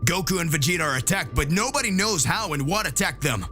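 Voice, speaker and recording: A man's voice: fairly high pitch, lively intonation, quick pace, sharp tone, soft background music. A man narrating a scripted anime fan-fiction story as its storyteller.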